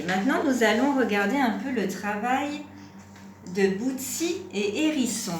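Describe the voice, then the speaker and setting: A woman teaching young children a phonics lesson at home, patiently stretching out words to sound each syllable and gently encouraging. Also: a little high, echoey room, a little hiss or hum.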